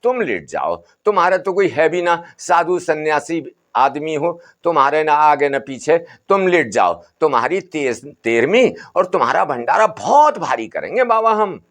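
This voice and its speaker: A man's voice: a little high, big pitch swings, moderate pace, few pauses, a bit bright, voice pushed up. A man voicing a blunt, scolding middle-aged merchant's widow. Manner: scolding, complaining.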